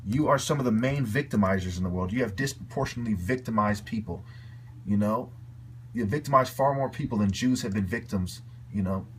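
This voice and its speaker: A man's voice: fairly low pitch, a little fast, a little hiss or hum. Man ranting angrily on camera. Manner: heated, repetitive, swearing. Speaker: video commentator. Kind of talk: angry profane rant.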